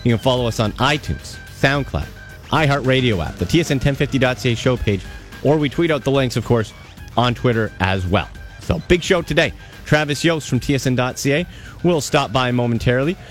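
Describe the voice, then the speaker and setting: A man with a gravelly voice, stuffed up with a cold, hosting an upbeat sports radio show in a playful, informal way. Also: medium pitch. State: congested with a cold.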